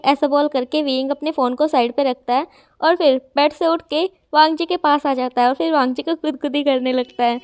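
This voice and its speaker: A woman's voice: high voice, no room sound, clean studio sound. A woman narrating a fan fiction story in a conversational storytelling way, switching between the characters' voices.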